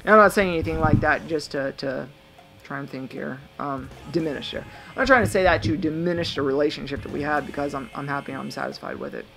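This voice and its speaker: A man's voice: on the high side, quick pace, creaky, over music, rough recording. A man in his thirties rambling reflectively to a camera in a vlog monologue. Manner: reflective, musing. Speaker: vlogger. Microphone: camera mic.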